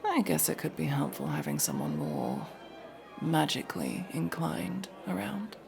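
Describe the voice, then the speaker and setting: Heavily acted and gravelly, the mid-range voice takes its time and swings hugely in pitch. It belongs to a performer playing a sardonic, guarded masked elf rogue who speaks to the listener in a casual ASMR roleplay, wry and full of hesitant asides, with music behind.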